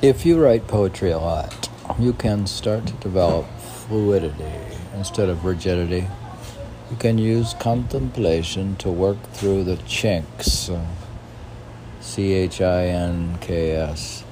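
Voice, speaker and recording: Reading and remarking on poems he wrote himself, this poet speaks in a low, slow voice with noise behind him. His loose, meandering commentary often turns into questioning asides, as if he's talking to himself.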